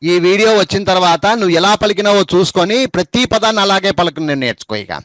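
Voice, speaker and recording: A man teaches English, spelling each word letter by letter and saying it again and again. His voice sits high for a man. The sound is dry and close. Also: fast, a bit bright, no echo. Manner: patient and repetitive, spells words letter by letter. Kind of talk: spoken English lesson over a group call.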